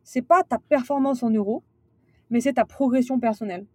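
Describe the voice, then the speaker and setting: A woman's voice: fairly high pitch, fairly quick, dry recording. Hesitant woman on a dry podcast mic. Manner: hesitant, many fillers and restarts. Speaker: guest, sales director turned manager. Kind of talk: casual interview conversation.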